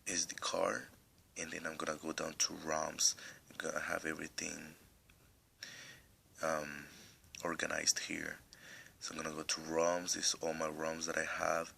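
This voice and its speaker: A man with an extremely low, gravelly voice and a non-native accent talks through a phone tutorial in a casual, rambling way. His tone is bright and forceful on top of that deep growl, a little husky, and he has a nagging cough. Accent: non-native English accent. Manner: rambling, restarts often, step-by-step. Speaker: tech tutorial host.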